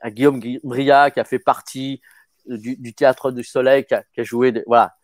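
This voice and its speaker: A man in his fifties, an actor talking casually in an interview, often halting and repeating words. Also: medium pitch, fairly even intonation, no echo, clean studio sound. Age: 50s. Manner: halting, stammering repetitions. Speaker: actor guest.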